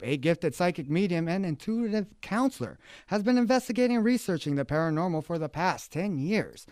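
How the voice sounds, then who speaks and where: A man hosting a late-night radio talk show, talking fast and with high energy. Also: dry recording, studio quality. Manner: fast, hyped delivery. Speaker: radio host. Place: radio studio.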